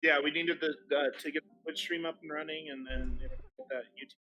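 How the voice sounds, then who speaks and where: A man's voice: on the high side, fairly even intonation, quick pace, pushed and bright, dull audio. A man chatting casually, giving helpful instructions. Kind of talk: casual chat.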